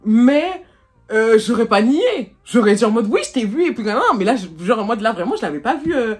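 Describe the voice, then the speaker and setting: A woman's voice: fairly high pitch, brisk. A young woman telling a personal story to her followers in a casual, chatty way, peppered with slang fillers and laughter. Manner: animated, laughs while telling. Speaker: vlogger.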